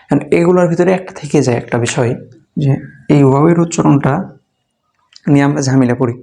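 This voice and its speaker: A man teaching beginners to read, slowly and patiently repeating letter sounds in a drilled lesson. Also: on the high side, creaky, dark tone. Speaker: Quran reading teacher.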